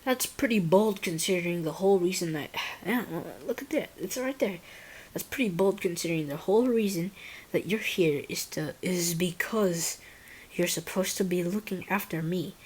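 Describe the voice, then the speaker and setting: Husky-voiced woman reading a fan story. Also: lowish voice, a little mellow. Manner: halting reading with casual asides to viewers. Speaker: story reader and channel owner. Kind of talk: reading first-person fan fiction aloud.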